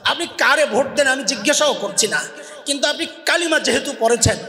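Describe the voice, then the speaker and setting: A male preacher gives a loud waz sermon. He quizzes the crowd and has them shout the answers back. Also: very high voice, expressive, fairly quick. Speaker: Islamic preacher. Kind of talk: Bengali waz sermon with call-and-response. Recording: long echoey reverb of a big space.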